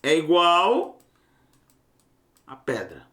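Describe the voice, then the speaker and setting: A man's voice: on the high side, wildly swooping pitch, drawn-out words, fairly bright tone, reverberant. A man teaching a Hebrew language lesson to his students, emphatic and full of rhetorical questions. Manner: emphatic, rhetorical questions, bursts into raised exclamations.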